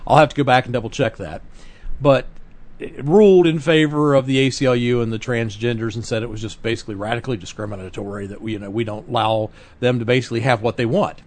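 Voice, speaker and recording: A man's voice: mid-range voice, fairly even intonation, fast, darkish tone. A man co-hosting a political talk podcast, speaking earnestly and emphatically, often correcting himself mid-sentence. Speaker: podcast co-host. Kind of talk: political talk radio chat.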